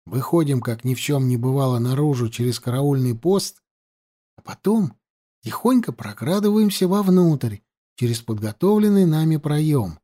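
A man voicing a young male scout who lays out a plan in a hushed, steady, matter-of-fact way, read as an audiobook. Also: mid-range voice, moderate pace, close to an everyday voice. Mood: calm planning. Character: young male scout, planning quietly and calmly. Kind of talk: audiobook reading.

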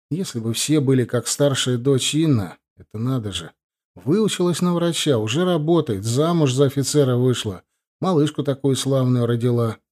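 A man narrates a story in an even, steady storytelling manner. His voice sits in a plain middle pitch range. It is a scripted reading, delivered evenly throughout. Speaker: audiobook narrator.

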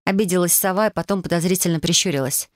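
A woman narrating a first-person fantasy audiobook in a lively, wry way, voicing the dialogue. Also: fairly low pitch, fast, no echo, clean studio sound. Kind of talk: audiobook fiction reading.

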